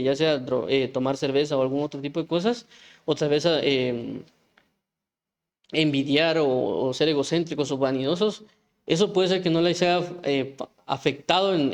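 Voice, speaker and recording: A man preaching an informal sermon, talking conversationally with frequent restarts and rhetorical questions. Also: fairly high pitch.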